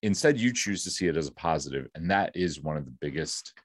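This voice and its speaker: A man's voice: rumbling low, lively intonation, fast. A man hosting a podcast interview, asking questions and offering upbeat encouragement like a speaking coach. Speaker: podcast host. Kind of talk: casual interview.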